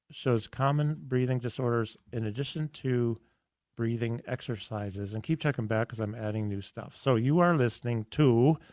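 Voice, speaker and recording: A man hosting a health radio show in a studio, talking in a casual, enthusiastic and rambling way with a hoarse, raspy voice. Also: medium pitch, darkish tone, no echo.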